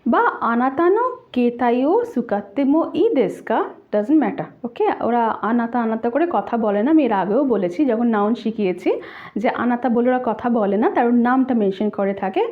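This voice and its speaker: A woman teaching Japanese grammar in a casual online lesson, explaining slowly and repeating each example phrase. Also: fairly high pitch. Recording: tinny, phone-like audio.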